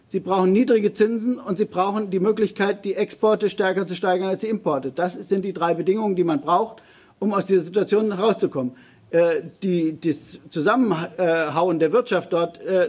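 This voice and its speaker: A man with a husky, slightly high voice argues his point in a public debate. He speaks with force but keeps stalling on fillers, restarting his sentences mid-thought before pressing on. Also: moderate pace, a little mellow. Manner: emphatic, hesitant with many fillers and restarts. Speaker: panel speaker answering audience questions.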